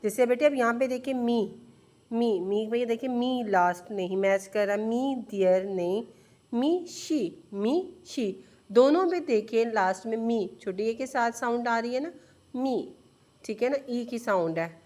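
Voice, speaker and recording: A woman's voice: on the high side, moderate pace, darkish tone. A woman teacher giving an online English lesson to young students. She explains patiently, often asks questions, repeats words, and mixes Urdu-Hindi with English words.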